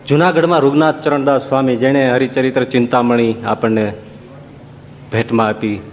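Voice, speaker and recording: A man's voice: medium pitch, steady tone, normal speed, a little hiss or hum. A man telling devotional stories in a sermon, often asking his listeners questions. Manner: storytelling with rhetorical questions. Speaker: preacher. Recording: long reverb, dull lo-fi sound, faint ambience.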